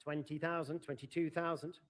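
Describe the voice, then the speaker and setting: A man's voice: on the high side, level tone, brisk. A man working as an auctioneer, formally and courteously announcing lots and calling out bids at a live sale.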